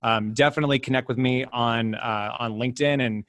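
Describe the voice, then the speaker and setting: A man speaking as a podcast guest, emphatic and animated, his pitch jumping up when he drives a point home. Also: brisk, dry recording. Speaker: guest, business development director. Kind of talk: casual podcast interview.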